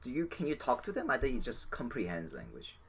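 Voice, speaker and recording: Animated man running a tabletop game. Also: mid-range voice, fast talker, creaky, a crowd in the background. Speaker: game master. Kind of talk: improvised tabletop game narration.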